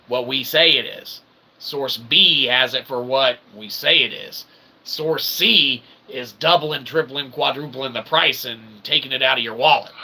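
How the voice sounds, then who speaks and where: A self-styled philosopher and channel host rambles off the cuff in pompous, convoluted phrasing, regularly checking in with "okay" and "all right." His medium-pitched voice is gravelly, husky, bright, and forceful, captured in poor audio.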